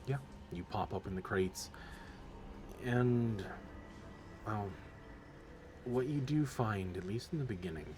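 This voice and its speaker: A man's voice: on the low side, slow pace, pauses often. A man running a tabletop game as game master, narrating loosely with restarts and fillers. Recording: music playing behind.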